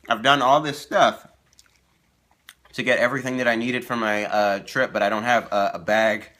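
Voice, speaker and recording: A man's voice: mid-range voice, steady tone, moderate pace, sharp tone. A young man hosting a casual live stream for his gaming channel, rambling with lots of fillers and repeating himself. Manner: eating while talking.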